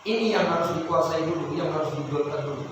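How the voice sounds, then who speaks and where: Brief: Javanese male recitation teacher, slightly high, tired voice, heard from afar in an echoey hall. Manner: explains then chants verses slowly in melodic tones. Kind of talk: Quran recitation lesson with chanted examples. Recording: echoey hall, distant mic, noisy.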